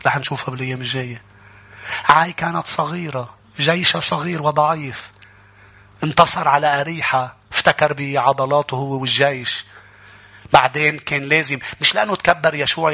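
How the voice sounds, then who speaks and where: A man's voice: a little high, fairly even intonation, fairly quick, pushed and bright, husky. A man with a Lebanese accent preaching a sermon to his church congregation, emphatic and rousing, often calling out to the listeners. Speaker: pastor.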